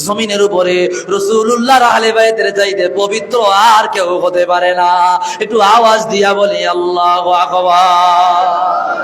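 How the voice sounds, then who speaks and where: A man's voice: high voice, fairly bright tone. A man preaching a fervent sermon, chanting and sing-song, calling out to the crowd over a PA system. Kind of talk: Bengali waz sermon. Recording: echoey PA sound with long reverb.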